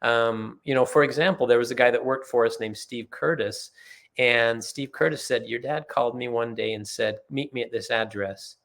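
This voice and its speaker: A man from Utah, appearing as a podcast guest, tells earnest, rambling family stories in casual conversation and acts out the quotes. His voice is medium-pitched, creaky and a bit bright, at a normal speed.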